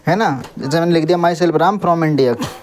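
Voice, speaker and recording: A man's voice: a little high, fairly quick. A young man teaching English grammar in a classroom, asking the pupils questions and answering for them, and now and then telling them to stop making noise. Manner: scolds noisy pupils.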